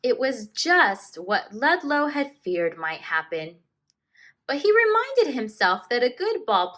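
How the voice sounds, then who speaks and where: A woman teacher reads a picture book aloud to children with expressive, deliberately dramatic emphasis. Her voice is fairly high, bright, and forceful.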